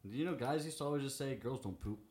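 A young man on a podcast with friends, teasing and joking fast, swearing a lot. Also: medium pitch, crowd noise. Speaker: guest co-host. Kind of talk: casual chat. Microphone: podcast microphone.

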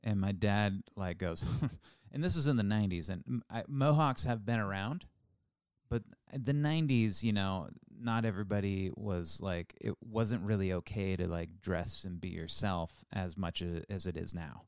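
A man's voice: deep voice, normal speed, darkish tone, clean tone, dry recording, clean studio sound. A man in his forties co-hosting a podcast, chatting casually with playful teasing and rambling restarts. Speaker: podcast co-host. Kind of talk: casual chat.

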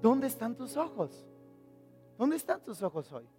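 Energetic pastor preaching. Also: male voice, very high voice, unhurried, faint music behind. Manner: energetic, questions the congregation, jokes. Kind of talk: sermon. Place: church service with congregation.

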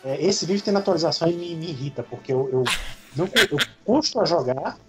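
A man's voice: a little high, animated, fast, over loud music. A man with a Brazilian Portuguese accent hosting a casual podcast discussion in a rambling way, often seeking agreement. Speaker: podcast host.

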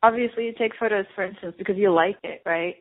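Over a thin, phone-like line, an artist from Turkey answers interview questions casually, thinking aloud with many fillers and gentle laughs. Her medium-pitched voice is slightly rough and moves at a quick pace.

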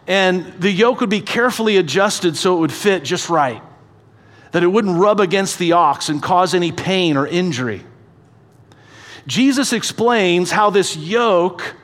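A man preaching a sermon in an earnest, conversational way, asking the audience questions and slowing down, sometimes dropping to a hushed voice for emphasis. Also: sits high, big-room sound. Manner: slows down and drops to a soft, hushed voice for emphasis. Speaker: pastor.

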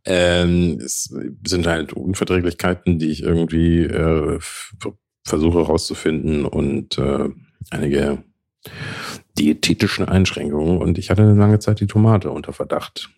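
A man's voice: a bass voice, fairly even intonation, a little slow, creaky, darkish tone. A man with a German accent co-hosting a podcast in casual chat, hesitant, with many fillers and restarts. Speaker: podcast co-host.

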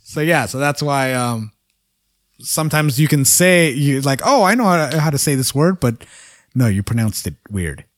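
A man co-hosts a casual podcast in a plain, mid-pitched voice. He chuckles at his own jokes and stumbles through foreign words. The recording is close and dry, with no room sound. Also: lively intonation, moderate pace, no echo. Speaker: podcast co-host.

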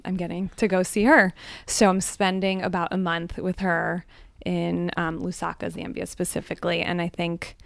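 A woman on the hot seat at a live event, telling personal stories in a candid, reflective way with frequent soft ums. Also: fairly low pitch, creaky, clear, resonant tone, no room sound. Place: live event before a small audience.

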